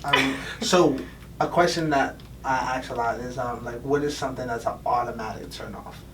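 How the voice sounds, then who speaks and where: A man's voice: medium pitch, moderate pace, fairly bright tone. A young man hosting a podcast, asking questions in easygoing, slangy chat. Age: young adult. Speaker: podcast host. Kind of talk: casual interview chat. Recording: distant mic with faint room noise.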